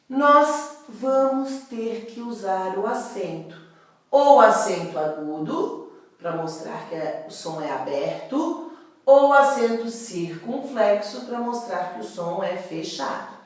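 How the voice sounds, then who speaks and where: Slow Brazilian woman teacher, echoey room. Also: medium pitch, recorded from a distance. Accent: Brazilian Portuguese. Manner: patient, checks in with the class often. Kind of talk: classroom grammar lesson.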